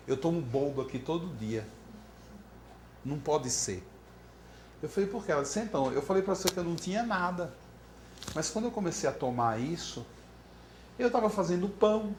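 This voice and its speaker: A man from Brazil teaching about floral remedies in a storytelling lecture, acting out the voices of the people in his story. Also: on the high side. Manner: animated, acts out quoted voices. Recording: echoey room with faint background noise.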